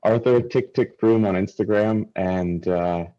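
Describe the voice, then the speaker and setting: Man, low mellow voice, easygoing, lo-fi call line. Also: unhurried. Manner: relaxed, easygoing. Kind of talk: casual live video chat. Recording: dull lo-fi call audio.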